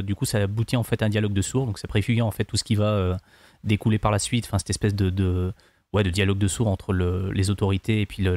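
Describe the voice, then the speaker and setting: Homme français, voix plutôt grave, parole hésitante. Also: male voice, fairly low pitch, a little mellow, no echo. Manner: hesitant, searching for words. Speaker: podcast panelist. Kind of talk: casual film discussion.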